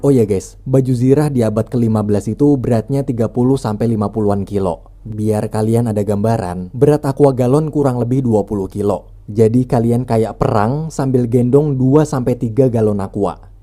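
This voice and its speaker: A man's voice: mid-range voice, normal speed, dark tone. A man reading a scripted film recap as a narrator, in a storytelling style with casual asides. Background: background music.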